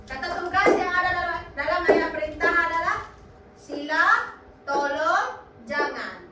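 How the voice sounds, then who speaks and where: A woman's voice: very high voice, a little slow, recorded from a distance, noisy background. A young woman playing a student who explains grammar to her classmates in a role-played lesson. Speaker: student teaching peers in a role-play. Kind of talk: micro-teaching role-play. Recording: echoey classroom, from afar.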